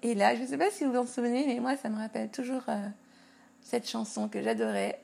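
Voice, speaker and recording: A woman hosting a podcast English lesson, explaining words slowly and carefully and spelling them out letter by letter. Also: fairly high pitch, fairly even intonation, vocal fry, darkish tone. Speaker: English teacher and podcast host.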